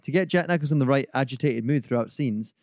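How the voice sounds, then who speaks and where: A man co-hosting a casual podcast talks at a middling pitch, wandering through anecdotes with frequent ums and likes. The sound is dry and close, with no room around it. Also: fast, a little mellow, no echo. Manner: rambling with many ums and likes. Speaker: podcast co-host.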